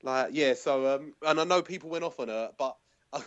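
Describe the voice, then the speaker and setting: A man's voice: on the high side, brisk, smooth, lo-fi sound. A man with a London accent, a guest on a podcast, chatting casually, laughing often and restarting his sentences. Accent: London English. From London, England. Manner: laughing, easygoing banter with restarts. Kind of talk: casual chat.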